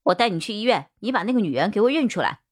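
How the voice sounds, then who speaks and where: A stern male police detective, voiced by a woman fires off firm, brisk questions in a lowish voice. He sounds in control and all business, the calm interrogator of a spoken crime story.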